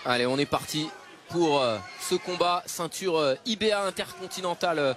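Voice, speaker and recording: A man's voice: a little high, moderate pace. A man giving live television boxing commentary. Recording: clearly noisy live arena broadcast.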